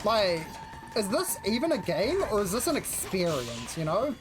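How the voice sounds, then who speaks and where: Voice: mid-range voice, wildly swooping pitch, moderate pace. Livestreamer with a broad Kiwi accent, androgynous mid-range voice, slangy rambling chat over music. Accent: New Zealand. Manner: slangy, rambling, self-interrupting. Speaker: game livestreamer. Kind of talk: casual chat while gaming. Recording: music behind the voice.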